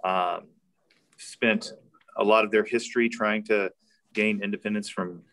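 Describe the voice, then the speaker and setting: A man presents at a virtual fair, his voice low and his pace very slow. He halts often on ums. He sits some distance from the microphone. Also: fairly even intonation, a bit bright. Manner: halting with many ums. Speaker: study abroad presenter.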